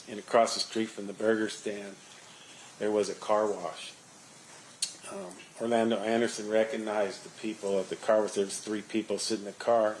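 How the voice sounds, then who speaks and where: A man giving testimony as an investigator witness under cross examination, in a measured and guarded manner. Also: on the low side, slight background noise, poor audio.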